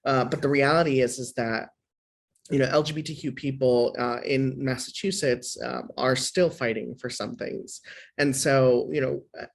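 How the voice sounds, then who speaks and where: A man's voice: medium pitch, fairly even intonation, normal speed, gravelly. A man running for local office, talking casually on an online panel with many fillers and restarts over a video call. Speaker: municipal election candidate.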